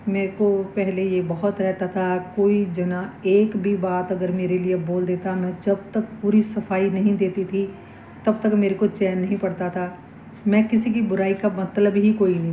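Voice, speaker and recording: Slow, flat-voiced woman in an echoey room. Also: on the low side, slight background noise. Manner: slow, reflective, earnest. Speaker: devotional vlogger. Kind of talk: casual spiritual talk.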